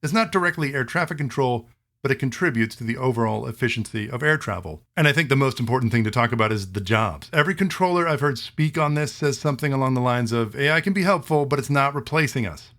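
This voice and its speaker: Conversational man explaining aviation tech. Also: medium pitch. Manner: conversational, animated asides, quick bursts then slowing to spell terms. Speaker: host. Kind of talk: explanatory monologue.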